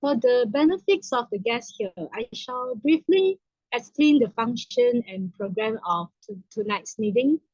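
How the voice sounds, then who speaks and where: The toastmaster of the evening, a woman hosting a club meeting, explains its program formally, with some restarts. Her fairly high voice is animated, measured in pace and a little mellow, with no echo in a dull, dry, lo-fi recording.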